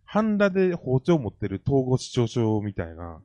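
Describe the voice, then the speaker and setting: A man's voice: mid-range voice, big pitch swings, normal speed, warm tone, dry recording, dull audio. A man with a Kansai accent hosting a casual chat, asking questions and airing his opinions. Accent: Kansai Japanese. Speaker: talk host.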